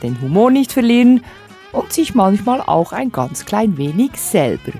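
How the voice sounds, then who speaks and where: A woman narrating a radio feature in a measured, wry tone. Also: medium pitch, sing-song, warm tone, soft background music.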